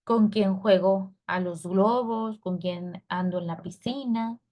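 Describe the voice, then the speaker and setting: A woman's voice: medium pitch, takes it slowly, warm tone. A woman teacher, explaining a lesson patiently and often checking with her students. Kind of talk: recorded class lesson.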